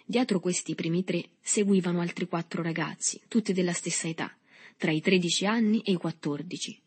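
A woman narrating a novel with a steady literary reading. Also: fairly low pitch, a little fast, husky.

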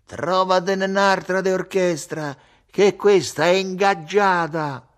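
A male reader voicing a drunk, boastful young Roman man who shouts brashly with a Roman accent. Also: high-pitched, steady tone, slow, voice pushed up. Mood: brash shouting.

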